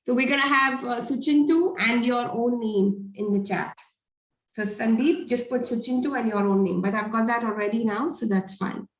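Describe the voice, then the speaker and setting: Brisk female meeting host, slightly high voice, echoey room sound. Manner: brisk, directive, coaching. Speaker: host of a business networking call. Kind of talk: casual online meeting moderation.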